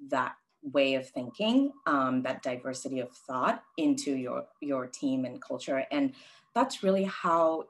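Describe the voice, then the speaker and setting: A woman's voice: extremely low pitch, animated, unhurried, rough recording. A woman from Sri Lanka, a guest in a professional interview, answering reflectively and thinking aloud with many ums and restarts.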